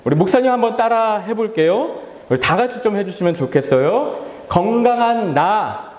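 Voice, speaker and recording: A man's voice: sits high, animated, a little fast, a little mellow. A man in his thirties preaching a children's sermon. He talks playfully, asks the children questions, leads call-and-response, and acts out his family and his own tired sighs. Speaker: pastor. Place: church hall. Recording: echoey hall with long reverb.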